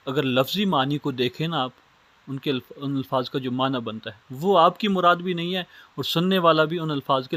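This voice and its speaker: A man's voice: medium pitch, fairly bright tone. A man from Pakistan lecturing on Islamic studies, explaining step by step with simple everyday examples. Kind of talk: recorded lecture.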